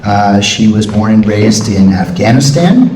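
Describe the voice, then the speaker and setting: A man hosts a church forum interview in a relaxed, halting way, filling gaps with pauses. His voice is mellow and darker in tone. It comes from some distance in an echoey hall with a faint hiss. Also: lowish voice. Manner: relaxed and hesitant, with many "uh"s. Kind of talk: hosting an interview. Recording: echoey hall, voice from far off mic, faint noise.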